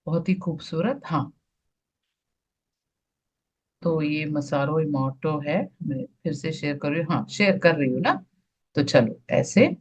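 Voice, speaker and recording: A woman presenting an online health session, explaining slides in an unhurried way, repeating words and restarting often. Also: low voice, darkish tone, slightly rough, lo-fi sound. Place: online video call.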